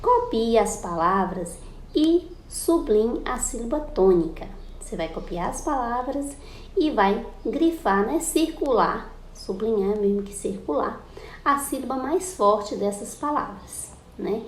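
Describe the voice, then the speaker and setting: A woman's voice: a little high, expressive, slow. A woman teacher, giving a patient lesson and stretching out example words. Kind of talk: recorded school lesson. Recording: echoey room with faint background noise.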